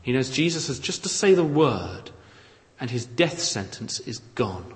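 A man preaching an expository sermon, reading scripture aloud with measured, dramatic emphasis. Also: medium pitch, big pitch swings. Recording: long reverb of a large hall.

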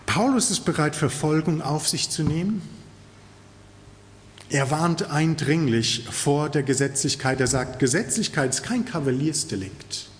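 A man's voice: fairly high pitch, measured pace, big-room sound, slight background noise. A man preaching a sermon in an earnest, emphatic way, stressing key words.

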